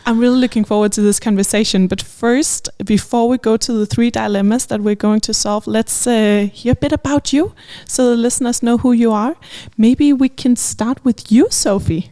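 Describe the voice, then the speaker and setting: A woman's voice: on the high side, warm tone, no echo, studio quality. A woman hosting a panel podcast, introducing guests and moderating with short acknowledgements. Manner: friendly, moderating with quick acknowledgements. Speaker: podcast host. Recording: faint music in the background.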